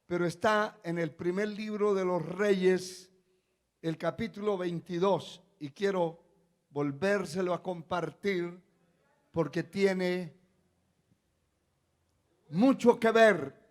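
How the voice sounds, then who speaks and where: A male pastor delivers a sermon in a high voice. He takes his time, drops to hushed, low lines and then climbs into loud, shouted calls to the congregation. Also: slow pace, long pauses. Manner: moves from quiet, low talk to shouted exhortation.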